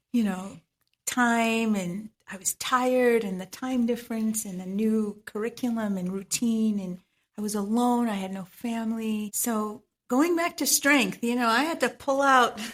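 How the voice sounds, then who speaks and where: A woman from Trinidad with a Trinidadian accent, speaking as a guest on a podcast, reflective and often laughing. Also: on the high side. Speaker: guest, medical esthetician. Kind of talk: podcast interview.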